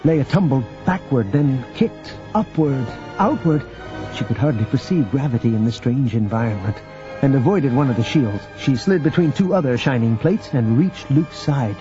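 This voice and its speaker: A man narrating an audiobook in scripted narration, with even, measured storytelling. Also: mid-range voice. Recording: dull audio with faint background music.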